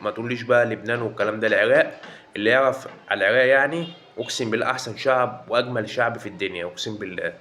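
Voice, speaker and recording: A man's voice: medium pitch, fairly bright tone. A man with an Egyptian accent, hosting a reaction video, exclaiming and joking and swearing oaths as he comments. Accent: Egyptian Arabic.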